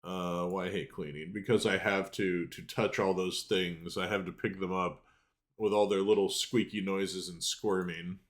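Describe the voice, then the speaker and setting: A man's voice: low-pitched, fairly even intonation, normal speed, natural voice. A man voicing a morose, long-winded assistant to a mad mage in a fantasy game, speaking archaic English. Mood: disgusted. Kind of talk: game dialogue read aloud.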